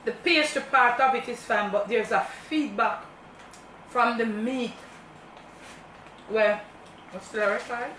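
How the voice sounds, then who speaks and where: A woman's voice: fairly high pitch, slow, pauses often, fairly bright tone. A woman with a Jamaican accent chatting casually about food while chewing as she talks. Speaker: mukbang co-host. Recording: roomy echo, distant mic, faint noise.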